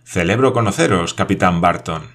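A lanky, absent-minded foreign traveler, as a low-voiced man puts him on, chatters without pause and fires off one question after another. He is eager and keyed up, pitched a little above the reader's own deep voice, and jumps from one topic to the next. A storybook figure, bustling and distracted. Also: fairly bright tone. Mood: excited. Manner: rapid-fire questions, hops between topics.

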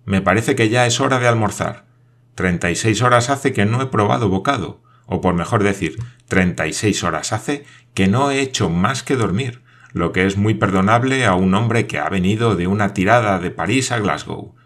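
A man's voice: on the low side, fairly bright tone. A man voicing a talkative, absent-minded lanky foreign traveler who fires off questions and hops from topic to topic. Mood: eager. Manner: rapid-fire questions, hops between topics.

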